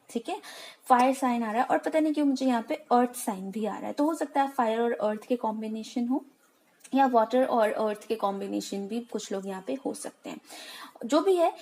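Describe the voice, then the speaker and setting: A woman talks her viewers through a tarot spread in a relaxed, chatty way. Her voice sits a little high, and she keeps checking in with a reassuring "okay" as she switches between two languages. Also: poor audio. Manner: chatty, reassuring, mixes English into Hindi, often says "okay". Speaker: tarot card reader. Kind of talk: casual tarot reading to viewers.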